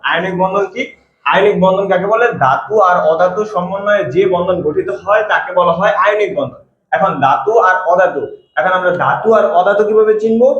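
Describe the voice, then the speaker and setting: A man's voice: on the high side, a bit bright. A man teaching chemistry in a classroom lecture, repeating key points and asking the class questions. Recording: echoey room, dull lo-fi sound.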